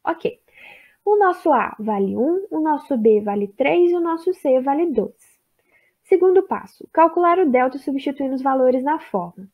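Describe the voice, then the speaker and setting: A young woman from Brazil gives a recorded math lesson, working through each step carefully and deliberately. Her voice sits high and light, and she speaks in a measured way, like a patient tutor. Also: lively intonation, phone-quality sound. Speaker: teacher trainee.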